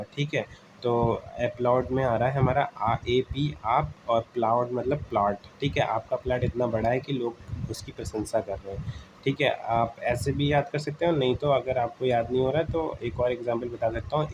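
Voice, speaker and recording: A man's voice: mid-range voice, muffled recording, noisy background. A man teaching exam vocabulary in a casual lesson, explaining memory tricks, calling listeners friends and checking in often with "okay". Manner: explains words with memory tricks, repeats "theek hai" often; addresses listeners as "friends", frequent "uh" pauses. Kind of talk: informal exam-prep lesson.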